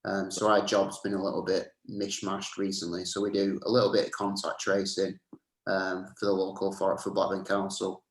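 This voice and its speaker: A man's voice: low voice, completely flat delivery, fairly quick. A man, a health trainer giving easygoing advice over a video call, with plenty of "um" fillers. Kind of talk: casual advice chat. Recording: roomy echo.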